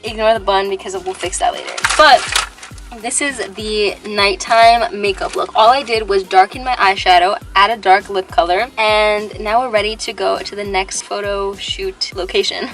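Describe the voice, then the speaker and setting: A young woman chatting into a handheld vlog camera, easygoing and giggly, talking straight to her viewers. Her pitch sits mid-range for a woman. Soft music plays faintly underneath. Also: steady tone, normal speed. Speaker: vlogger. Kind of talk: casual vlog chat. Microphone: handheld vlogging camera.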